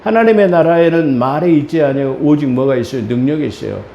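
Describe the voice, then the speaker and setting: A man's voice: fairly high pitch, quick pace, vocal fry, mellow, echoey room, dull audio, a little hiss or hum. A male pastor preaching a sermon in a conversational style, acting out voices for the people he quotes. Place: church sanctuary.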